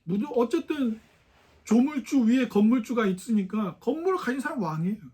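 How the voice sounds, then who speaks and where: Male pastor with a high voice, preaching casually and questioning the congregation. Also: animated, a little fast, warm tone, slightly rough. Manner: conversational preaching with many rhetorical questions to the congregation. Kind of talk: sermon. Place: church sanctuary.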